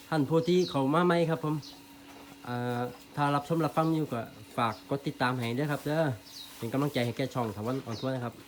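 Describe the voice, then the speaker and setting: A man's voice: medium pitch, a little hiss or hum. A man with a Northeastern Thai Isan accent, talking casually and politely in his farm vlog at a cattle pen outdoors. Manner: relaxed, polite, ends phrases with "khrap phom". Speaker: farmer vlogger.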